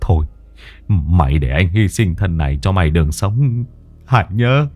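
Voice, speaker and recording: Gang boss voiced by a man, scrawny, gruff, low and rough, storybook style. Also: lively intonation, normal speed, darkish tone, no room sound, faint music behind. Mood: solemn. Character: scrawny gangster boss, gruff and self-important.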